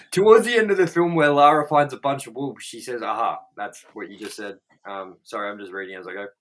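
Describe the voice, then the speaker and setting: With a mid-range voice at a normal speed, this young male co-host of a movie review show chats casually while reading trivia. His delivery is rambling, blunt and full of swearing, with "like" fillers everywhere.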